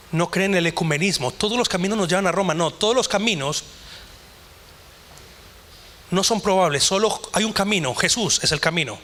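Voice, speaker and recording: A male pastor delivers a sermon in a church. His voice sits high and rings bright as he quotes scripture and voices imagined speakers, building in intensity as he preaches.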